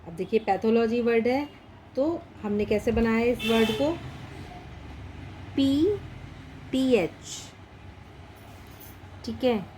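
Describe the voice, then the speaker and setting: A woman teaching a shorthand lesson in Hindi mixed with English words. She speaks patiently, slowly says each practice word and repeats it. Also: fairly high pitch, noisy background. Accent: Indian English words mixed into Hindi.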